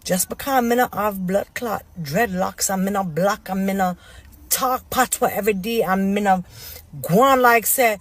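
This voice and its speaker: A woman's voice: mid-range voice, moderate pace. A woman with a strong Jamaican accent rants hotly, swearing freely. Her voice sits in an ordinary middle register. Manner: heated, swearing rant.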